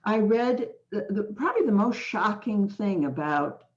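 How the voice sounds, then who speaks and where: A woman's voice: medium pitch, lively intonation. A woman host from the United States in an interview conversation, speaking passionately and with strong emphasis. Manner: emphatic and passionate, slow and deliberate. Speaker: podcast host. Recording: dull lo-fi sound.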